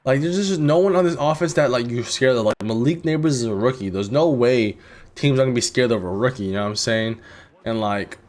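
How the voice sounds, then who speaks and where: A young man casually commentating a football video game simulation, laid-back and rambling, swearing freely, with sudden excited jumps. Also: medium pitch, brisk. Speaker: gaming commentator.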